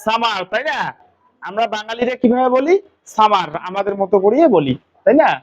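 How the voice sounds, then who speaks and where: A man's voice: high voice, highs cut off. Man teaching pronunciation. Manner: quizzing students with quick questions. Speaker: English teacher. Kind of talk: classroom pronunciation lesson.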